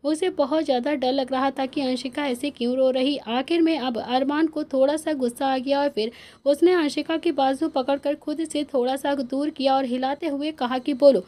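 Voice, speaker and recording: A woman's voice: sits high, steady tone, normal speed, mellow. A woman narrating an emotional family romance story, giving the characters' dialogue with feeling.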